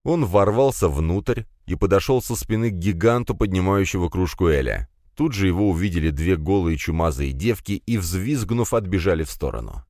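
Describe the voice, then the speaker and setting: Deep-voiced man narrating an audiobook. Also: expressive, moderate pace, hardly any pauses, darkish tone, no echo, clean studio sound.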